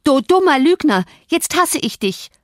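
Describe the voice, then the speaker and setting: A woman's voice: mid-range voice, animated, warm tone, no room sound, clean studio sound. A woman reading an audiobook, voicing an earnest, hot-tempered teenage girl. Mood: furious. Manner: earnest, quick to flare up.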